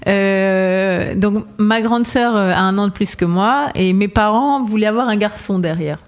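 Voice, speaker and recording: Raised across France, Lebanon and Ivory Coast, this woman singer talks unhurriedly in a mid-range voice during a relaxed interview. She's reflective and searching as a guest, with plenty of hesitations and frequent laughter.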